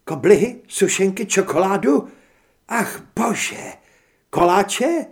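A man voicing a feisty young woman with a sweet tooth in an audiobook, talking with outspoken excitement. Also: high-pitched, pitched above the performer's own voice. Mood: eager. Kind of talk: audiobook character reading.

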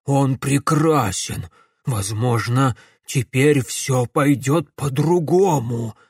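A man voicing a gleeful, vengeful older male villain who gloats slowly over his captives in an audiobook. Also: mid-range voice, darkish tone, slightly rough, dry recording, clean studio sound. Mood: awed.

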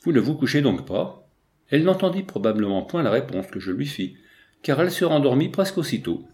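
A man narrating a first-person story as an audiobook reader, measured with lively emphasis. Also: on the low side.

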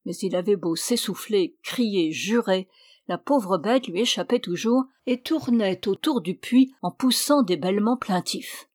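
A woman reads a fairy tale aloud in a measured, clear storybook voice. Her pitch sits in a middle range. The recording is dry and close, with no room sound. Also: a little mellow, dry recording.

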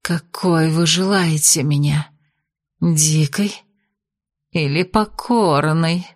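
A woman's voice: deep voice, takes it slowly. A woman voicing a sultry, cold-hearted witch who speaks in a languid, purring way. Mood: seductive.

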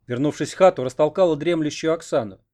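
A man's voice: fairly high pitch, fast talker, a little mellow. Man reading a novel aloud. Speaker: audiobook reader. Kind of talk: literary narration.

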